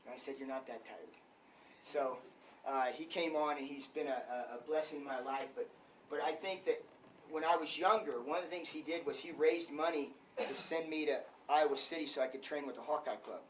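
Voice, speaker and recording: A man's voice: on the high side, a little fast, far from the mic, a little hiss or hum, low-quality recording. An older man, a wrestling coach, giving an emphatic clinic talk full of rhetorical questions.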